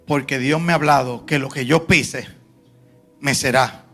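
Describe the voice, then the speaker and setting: A male pastor preaching a sermon in a church, shifting between soft low asides and loud emphatic lines. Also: unhurried, soft background music. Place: church sanctuary.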